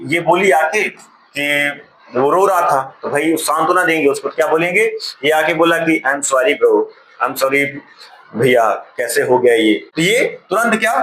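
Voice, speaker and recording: A man's voice: fairly high pitch, pushed and bright. A man teaching a spoken English class, asking the class questions and repeating key words. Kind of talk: classroom lesson. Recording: echoey classroom with faint noise.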